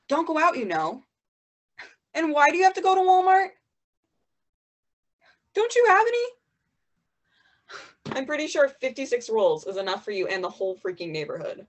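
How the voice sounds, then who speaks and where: A chatty teenage theatre girl, played by a young woman, rambles and corrects herself as she talks. Her voice sits a little high, and the sound comes through a video call. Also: a bit bright. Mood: exasperated. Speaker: lead actor in a monologue. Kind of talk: stage monologue over video call.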